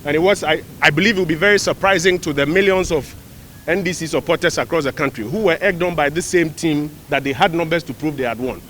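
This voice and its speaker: A man's voice: a little high, fast talker, a bit bright, slight background noise. A man with a Ghanaian accent making press remarks on a court case in a pointed, rhetorical way, repeating phrases for effect.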